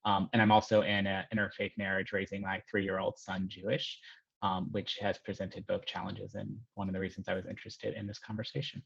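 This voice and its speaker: Man from Atlanta, thirties, low flat voice, dull lo-fi sound. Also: fairly quick, creaky, breathy edge, dry recording. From Atlanta, Georgia. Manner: steady, plain delivery with fillers. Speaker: panelist.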